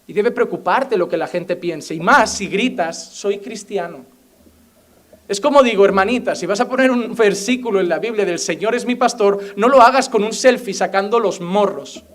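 A man's voice: sits high, moderate pace, a bit bright. A young man preaching a fervent sermon as a pastor, often mimicking the voices of imagined people. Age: young adult.

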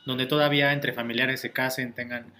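A man, the magazine's editor, chatting on a podcast with dry quick jokes. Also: medium pitch, little pitch movement, crowd noise. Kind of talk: casual podcast chat.

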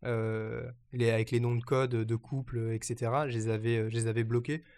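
A man's voice: medium pitch, little pitch movement, a little fast, a little mellow, clear, resonant tone. Hesitant man chatting about news. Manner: hesitant, many fillers and restarts. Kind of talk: casual news chat.

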